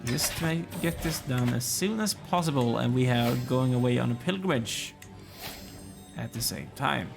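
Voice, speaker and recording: Lively in intonation and at a normal speed, a gravelly mid-range voice belongs to a tired, yawning gamer casually narrating his strategy game play. He muses aloud and addresses the characters on screen as music plays in the background.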